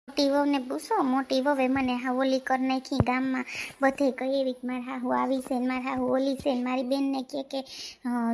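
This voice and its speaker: A quarrelsome older village mother, played by a woman, scolds her grown children in a thick Kathiawadi Gujarati accent. Her voice sits high, and she complains and repeats her points in a family comedy skit. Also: a little mellow, a little hiss or hum.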